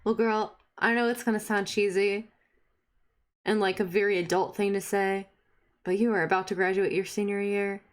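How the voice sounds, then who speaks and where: A woman's voice: medium pitch, little pitch movement, moderate pace. A young adult woman streaming a game, chatting expressively and swearing freely. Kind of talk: game commentary.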